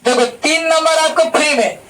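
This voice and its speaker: A man's voice: very high-pitched, normal speed, bright, forceful tone. A man teaching an online class, drilling each point with repeated rhetorical questions. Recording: distant mic with faint background noise.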